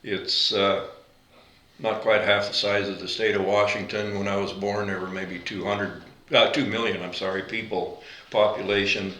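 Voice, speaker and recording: Veteran in his 80s, born in Latvia, low bright voice, room echo. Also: little pitch movement. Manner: unhurried, halting with fillers and self-corrections. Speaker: veteran interviewee. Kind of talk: oral history interview.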